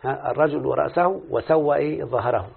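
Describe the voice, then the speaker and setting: In this phone-like, lo-fi clip, a man teaches Arabic morphology with an Egyptian accent, peppering his student with constant questions. He talks fast at a medium pitch, his voice creaky and a bit rough.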